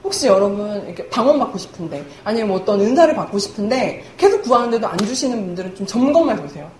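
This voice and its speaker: A young woman with a mid-range, slightly mellow voice preaches a humorous sermon very animatedly and fast. She's chatty and self-mocking, laughing often. The recording is from an echoey church hall with faint room noise.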